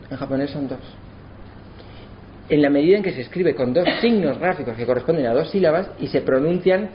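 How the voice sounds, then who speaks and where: A man giving a lesson, slowing down to sound out words syllable by syllable. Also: on the high side. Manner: spells out syllables slowly to demonstrate. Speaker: lecturer. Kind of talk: explanatory lesson. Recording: slightly dull, faint background noise.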